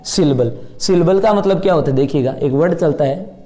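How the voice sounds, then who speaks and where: Mellow-voiced man teaching English grammar. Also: fairly high pitch, fairly quick. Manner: explains step by step, asks and answers his own questions. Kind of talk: classroom grammar lesson.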